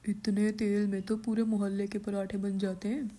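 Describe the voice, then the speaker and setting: A woman voicing a grumpy, sharp-tongued member of the household. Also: mid-range voice, little pitch movement, normal speed, voice pushed down, natural voice. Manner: grumbling, insulting.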